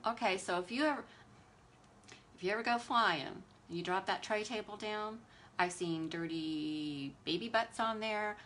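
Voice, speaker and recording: Bright, sassy woman. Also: medium pitch, normal speed, a little hiss or hum. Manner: animated, exasperated storytelling with sass. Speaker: beauty livestream host. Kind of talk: casual livestream chat while doing makeup.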